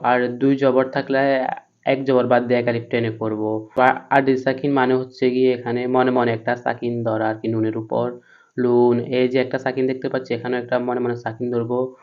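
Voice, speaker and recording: A man teaching Quran reading, patiently spelling each letter syllable by syllable, then chanting the verses slowly. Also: mid-range voice, little pitch movement, muffled recording. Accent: Bangladeshi Bengali.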